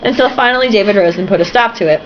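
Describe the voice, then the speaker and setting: Reading a novel very fast at a medium pitch, a young woman who's had a few drinks giggles, gets sarcastic and interrupts herself with swearing asides. It's captured as a dull, lo-fi home recording carrying a faint hiss.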